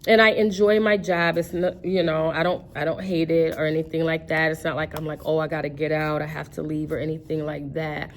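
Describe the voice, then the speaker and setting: A woman's voice: sits low, flat delivery, a little fast, few pauses, a little hiss or hum. A woman chatting casually about her budget, rambling with many fillers and restarts. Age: 50s. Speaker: personal finance vlogger.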